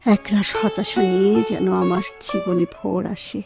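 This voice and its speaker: A woman performs a Bengali radio drama monologue as a lonely, ailing, neglected wife who is quietly despairing, and she sounds forlorn and resigned. Her natural, medium-pitched voice has a flat delivery, a moderate pace, and vocal fry, with guitar music playing behind it.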